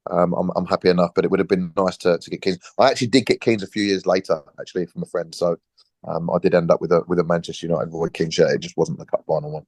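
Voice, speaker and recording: Brief: man in his 40s, ex-footballer guest, quick lively anecdote teller, slightly low, dry close sound. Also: no room sound. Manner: lively storyteller, acts out quoted dialogue, frequent restarts. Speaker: podcast guest, former professional footballer. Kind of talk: relaxed anecdotal storytelling.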